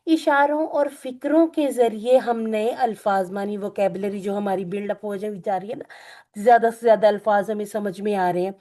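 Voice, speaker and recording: A woman teacher leading an online Quran and Arabic class, explaining gently and repeating points. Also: mid-range voice, steady tone, moderate pace. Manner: gentle, repetitive teaching with religious phrases. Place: online video call.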